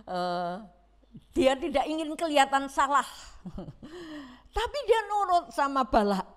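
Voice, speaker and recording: A woman's voice: sits high, slow. A middle-aged woman with a Javanese accent preaching a Sunday sermon, telling the story vividly and acting out the quoted lines. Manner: lively storytelling, acts out quotes, mixes in Javanese phrases.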